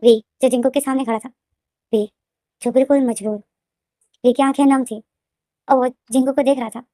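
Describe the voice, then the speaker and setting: A woman retells a fan fiction story in a casual, quick, looping way, repeating herself and restarting sentences. Her voice is slightly high and mellow. The recording is dry and close. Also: fairly even intonation, dry recording. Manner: fast, repetitive, restarting retelling.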